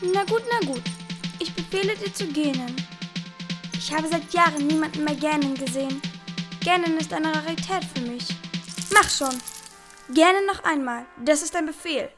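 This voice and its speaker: A woman's voice: high voice, normal speed, natural voice. A woman voicing a bossy, pompous queen who rules a tiny planet, giving orders in a radio play. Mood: pompous, commanding. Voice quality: pompous, commanding. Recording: music playing underneath.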